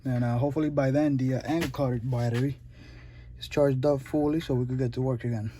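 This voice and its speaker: A man's voice: medium pitch, fairly even intonation, fast, dark tone, a little hiss or hum. A man casually narrating a do-it-yourself motorcycle job as a vlogger, rambling and correcting himself as he goes. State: out of breath at times.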